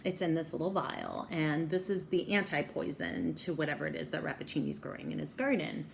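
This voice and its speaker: Woman doing an older professor, helpful, reassuring, a bit louder. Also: low-pitched, very animated, fairly quick, creaky, slight background noise, full character voice.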